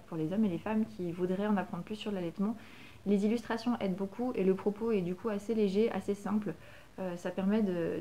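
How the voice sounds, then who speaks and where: A young woman with a French accent chats casually through her latest book purchases. Her voice is mellow and warm, pitched in a middle range. She talks like a tired new mother, full of fillers and restarts. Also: a little hiss or hum. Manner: chatty, many fillers and restarts. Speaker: book vlogger. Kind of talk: casual book haul chat.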